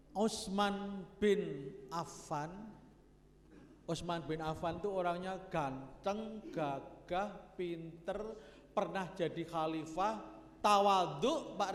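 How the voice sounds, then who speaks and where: Folksy Javanese-accented preacher in an echoey hall. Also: male voice, high-pitched. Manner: folksy, joking with the congregation, mixing in local speech. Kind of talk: Sunday morning mosque sermon. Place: mosque hall. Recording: echoey mosque hall, long reverb.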